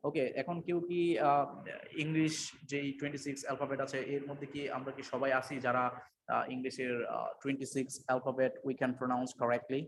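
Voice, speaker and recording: A man giving an unscripted English pronunciation lesson, mixing two languages, pausing often with fillers and correcting himself. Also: mid-range voice, flat delivery, noisy background. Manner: hesitant, many fillers and self-corrections. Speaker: English teacher.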